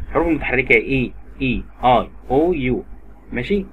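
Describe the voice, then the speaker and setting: A man's voice: medium pitch, lively intonation, moderate pace, narrow, tinny audio, a little hiss or hum. A man with an Egyptian Arabic accent teaching English grammar to a child, patiently repeating words and examples. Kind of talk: drilling grammar lesson for a child.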